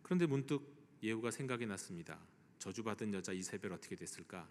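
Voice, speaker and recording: A man's voice: lowish voice, expressive, fast talker, a little mellow, a little hiss or hum. A male pastor preaching a sermon, retelling a story with vivid quoted speech. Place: church sanctuary. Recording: church hall reverb.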